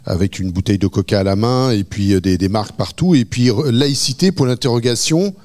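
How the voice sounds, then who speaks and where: A man's voice: medium pitch, fairly quick, darkish tone. A man, a cartoonist, casually explaining his drawings, stumbling over fillers and repeated words.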